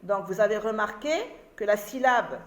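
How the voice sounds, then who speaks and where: A woman's voice: medium pitch, normal speed. A woman teacher giving a reading lesson to children, sounding out words syllable by syllable and repeating them patiently. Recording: echoey room.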